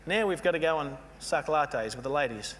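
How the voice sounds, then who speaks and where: A man giving a storytelling keynote speech, animated and mocking as he acts out scenes. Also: a little high, normal speed. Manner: animated, mocking, playfully acts out quoted voices. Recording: long hall reverb with faint hum.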